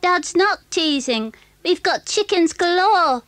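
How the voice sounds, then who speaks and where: A woman voicing an eager, greedy young fox cub in a children's audio story, childlike and excited. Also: very high voice, slow pace, no room sound, exaggerated voice.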